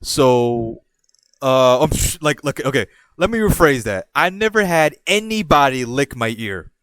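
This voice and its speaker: A young Puerto Rican podcast host, speaking at medium pitch and a slightly slow pace, tells a rambling, casual story in a dry recording. He's animated, slipping into quoted voices and often trailing off to start again.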